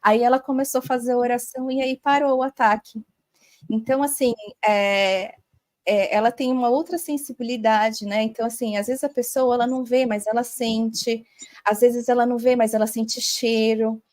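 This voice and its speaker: A woman's voice: a little high, fairly even intonation, moderate pace, a little mellow, no room sound. A woman, a holistic therapist, telling a long personal story as a podcast guest, chatty and full of tag questions.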